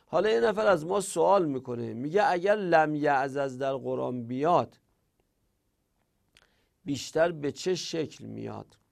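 A man's voice: on the high side, expressive, creaky. A male teacher explaining Arabic grammar rules step by step, posing questions and then answering them himself.

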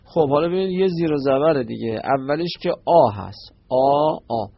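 Male grammar teacher, gravelly and husky, chanting verb forms slowly; muffled lo-fi recording. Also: fairly high pitch, animated, no room sound. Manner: recites verb forms in slow drawn-out chants. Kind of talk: classroom lesson.

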